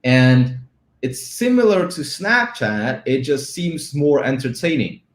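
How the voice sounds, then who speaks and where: A man talks as an interview guest, casual and rambling, tagging his points with quick "right?" checks. His voice sits at a middle pitch. It rings with a noticeable room echo. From Czech Republic. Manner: relaxed, rambling, often asks "right?". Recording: roomy echo.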